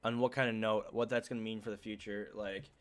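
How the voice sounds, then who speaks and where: A man's voice: on the low side, flat delivery, quick pace, crowd noise. A man, a former reality show contestant, co-hosting a casual, profane chat about reality TV, laughing often and mocking people with put-on voices. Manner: laughing, swearing, mocking impressions.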